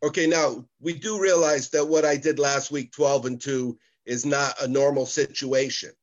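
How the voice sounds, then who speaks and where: A man's voice: medium pitch, fairly even intonation, normal speed, highs cut off. A man chatting casually as a sports betting guest, heard over a video call. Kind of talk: casual chat.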